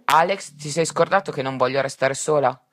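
A man reading aloud and voicing an old, stubborn, devoted wife, raised higher. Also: a little fast, fairly bright tone, no room sound, clean studio sound, natural voice. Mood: insistent.

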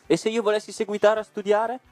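Man reader doing cheeky puppet boy, high-pitched, taunting, storybook. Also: level tone, quick pace, dry recording, faint music behind, natural voice. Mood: defiant. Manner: taunting, sharp retorts. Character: cheeky wooden puppet boy, mocking and defiant. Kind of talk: storybook reading.

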